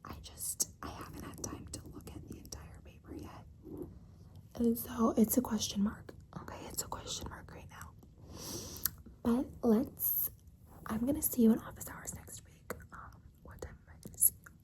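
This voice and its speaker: A woman playing a doting, flirtatious teacher in a whispered ASMR role-play, speaking in a soft, breathy, creaky whisper as if confiding a secret, often pausing to seek agreement. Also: fairly high pitch, lightly acted.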